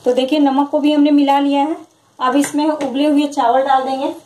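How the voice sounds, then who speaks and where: High-voiced woman narrating a home recipe. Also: moderate pace, slight background noise, rough recording. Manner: calm, instructive, repeats each step. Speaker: cooking channel host. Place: home kitchen, over frying sounds.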